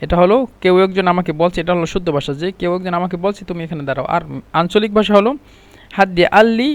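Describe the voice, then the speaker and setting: A man's voice: high voice, fast talker. A man teaching Arabic phrases in a spoken lesson, explaining patiently and saying each phrase several times over.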